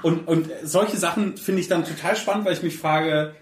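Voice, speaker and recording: A man's voice: on the high side, moderate pace, far from the mic. A man hosting a podcast, talking in a casual, emphatic and blunt way. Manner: animated, emphatic, with blunt colloquial remarks. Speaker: podcast host. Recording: echoey room, set back from the mic.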